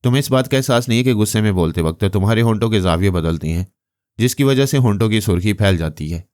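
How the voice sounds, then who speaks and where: Narrator as a mocking young engineer, deep voice, dry close read. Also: male voice, expressive, darkish tone, dry recording, close to an everyday voice. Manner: mocking, unhurried. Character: cool, teasing young male engineer.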